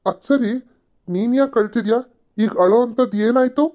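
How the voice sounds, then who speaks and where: A woman voicing a bossy male police officer in an amateur cartoon serial, gruff and questioning. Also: on the high side, moderate pace, dark tone, close to an everyday voice. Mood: probing.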